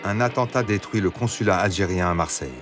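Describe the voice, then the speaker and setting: A man giving scripted documentary narration in a measured, solemn way. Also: low voice. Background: music.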